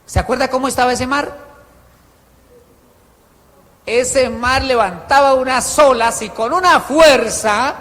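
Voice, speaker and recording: A male pastor with a high voice preaches and tells stories to a congregation, his volume swinging from loud passages to quiet asides. His voice carries a long reverb through the church hall. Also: takes it slowly, pauses often. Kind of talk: sermon.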